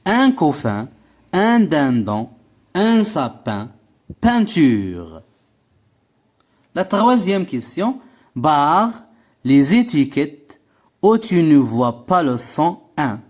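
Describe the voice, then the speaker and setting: Moroccan male schoolteacher, slow and lively, drills each word again and again, syllable by syllable. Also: on the high side. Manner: repeats each word slowly several times, stretching syllables. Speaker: primary school teacher. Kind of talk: French lesson with Moroccan Arabic explanations.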